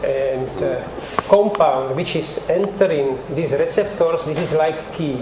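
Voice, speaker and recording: An older man with a Czech accent, a researcher explaining his work haltingly, with many pauses, in a TV studio interview. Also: on the high side. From Czech Republic. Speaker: cannabis researcher guest. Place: TV studio set. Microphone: lapel mic. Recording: roomy studio with background noise.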